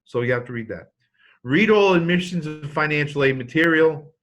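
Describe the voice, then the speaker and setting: Bright-voiced man giving a talk to parents. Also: on the high side, moderate pace. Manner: anecdotal, joking, with many restarts. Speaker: college financial aid speaker.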